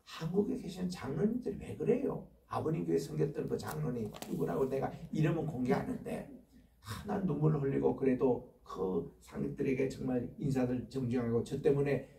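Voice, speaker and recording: An older man preaching a sermon, telling personal stories with swings from hushed to loud. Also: medium pitch, fairly quick, gravelly. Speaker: pastor. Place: church sanctuary. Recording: echoey church room from far off.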